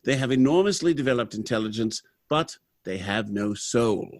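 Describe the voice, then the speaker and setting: In a live recreation of a 1930s radio drama, an actor plays a proud, unsentimental robot factory manager, explaining things in a theatrical, confident way. He sounds amused and lecturing, with a natural, expressive mid-range voice at a moderate pace.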